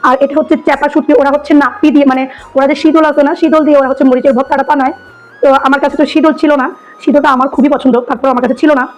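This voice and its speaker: A hoarse woman with a cold, chatting enthusiastically as she tastes food for her vlog. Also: high-pitched, a little mellow, lo-fi sound. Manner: chatty, enthusiastic, repeats herself. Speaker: food vlogger. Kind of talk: casual food-tasting vlog.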